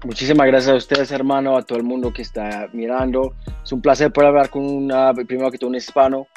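A man in his twenties from Colombia, a guest talking in a relaxed, earnest way. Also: medium pitch, fast talker, highs cut off, soft background music. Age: 20s. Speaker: guest, fighter. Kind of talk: casual interview.

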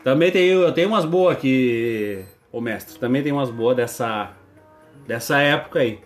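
A man's voice: mid-range voice, normal speed. A man in his thirties with a southern Brazilian accent, chatting casually and telling stories as a radio co-host, often repeating his phrases in a bantering way. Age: 30s. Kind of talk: casual chat and storytelling. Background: music.

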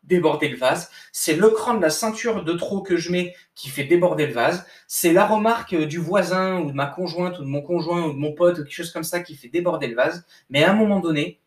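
Talking fairly quickly with few pauses, a young man who coaches sports delivers an informal pep talk from a desk indoors in a slightly high voice. Slang and repeated restarts run through it, and he addresses the listener as bro. The mic is distant in an echoey room.

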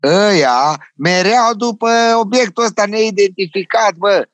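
A man's voice: sits high, a bit bright, dry recording. A man in a casual group chat who jokes around and spins absurd theories.

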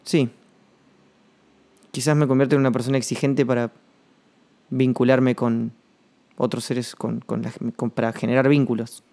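Mellow rambling Rioplatense man. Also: medium pitch, level tone, vocal fry. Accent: Rioplatense Spanish. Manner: rambling, slangy, thinking aloud with pauses. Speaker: podcast host. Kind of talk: reflective solo monologue.

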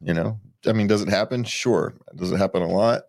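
A man's voice: fairly low pitch, brisk. An older man co-hosting a podcast, chatting casually and laughing often. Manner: relaxed, joking, laughs often. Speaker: podcast co-host. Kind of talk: casual chat.

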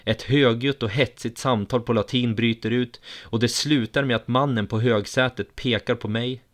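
Steady male storyteller, middle pitch. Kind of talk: scripted first-person story narration.

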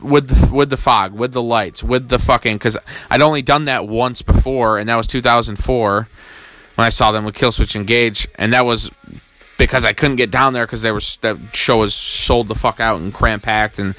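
Male, thirties, hyped concert fan, lower voice but bright and forceful, swearing, tumbling restarts. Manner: fast, profane, rambling with restarts. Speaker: music fan recapping concerts. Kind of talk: excited casual rant.

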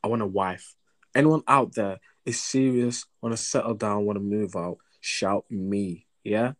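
A man's voice: on the low side, a little slow. A young man with a London roadman accent, chatting casually and protesting in slangy, repetitive bursts. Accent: London, urban roadman slang style. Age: young adult. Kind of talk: casual banter chat.

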